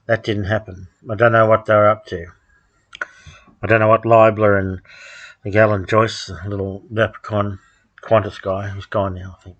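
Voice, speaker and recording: A man, delivering a rambling solo monologue at home, halting with frequent ums and restarts and dry sardonic asides. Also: on the low side, a bit bright, lo-fi sound. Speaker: podcast host.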